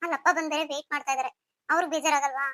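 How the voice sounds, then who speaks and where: A woman's voice: high voice, fairly even intonation, rapid-fire, fairly bright tone, no echo. A woman voicing an older sister-in-law who chides and soothes a worried young man in a motherly way, in a melodramatic audio story. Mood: chiding.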